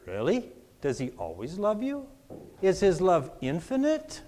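A man preaching a sermon to a congregation in church, leading call-and-response with emphatic, drawn-out repetition. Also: high-pitched, wildly swooping pitch, dark tone. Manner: call-and-response, has the congregation repeat after him. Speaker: pastor.

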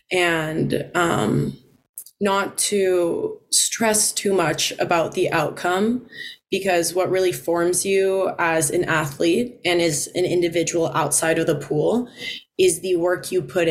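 A young woman college swimmer from the Philippines, answering interview questions in a relaxed way with frequent ums and light laughs. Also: on the low side. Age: 20s.

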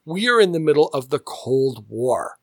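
A podcast co-host with a fairly high, sing-song voice tells stories enthusiastically at normal speed, often restarting his sentences during the casual chat. He uses a podcast mic in a living room, yet the sound is clean studio quality with no room sound.

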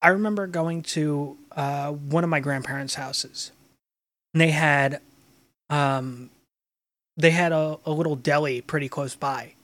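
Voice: medium pitch, measured pace, fairly bright tone. A speaker in a casual chat who tells wandering, reminiscing stories. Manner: meandering, reminiscing storytelling.

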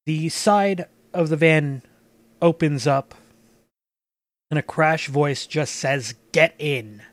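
A man narrating a tabletop game as game master, in a casual, halting way. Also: on the high side, no room sound.

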